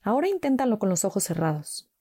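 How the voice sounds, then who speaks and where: A woman slowly guiding a mindfulness walk with calm, gentle instructions and long pauses. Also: mid-range voice, breathy edge, no echo, clean studio sound. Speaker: meditation guide.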